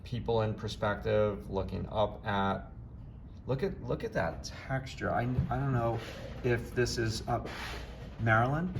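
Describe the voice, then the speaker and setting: Gravelly low-voiced enthusiastic man. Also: measured pace, background noise. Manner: enthusiastic, effusive praise. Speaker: art teacher and video host. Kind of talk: casual classroom interview. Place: classroom. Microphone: handheld camera, no tripod.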